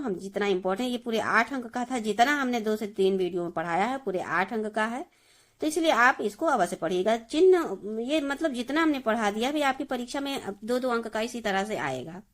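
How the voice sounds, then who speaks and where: A woman's voice: on the high side, expressive, moderate pace. Woman teaching a grammar lesson. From India. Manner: explains step by step, repeats words, addresses students as children. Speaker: Hindi teacher.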